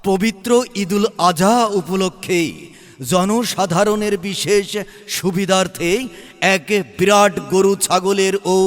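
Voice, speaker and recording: Guy doing a loudspeaker market announcement, slow drawn-out calls, echoey with a bit of music. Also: high voice, fairly even intonation. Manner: drawn-out calling delivery.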